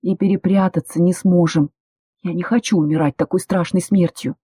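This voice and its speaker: A woman's voice: moderate pace, slightly rough, dry recording, studio quality. Reader voicing a frantic young medic woman. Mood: pleading. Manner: shrill, excited outbursts. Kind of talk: audiobook character voice.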